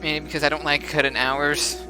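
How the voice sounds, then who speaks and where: A man's voice: on the high side, little pitch movement, moderate pace, music in the background, low-quality recording. A young man commentating as he plays a story game, chatty and musing aloud with frequent laughs. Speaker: let's play gamer.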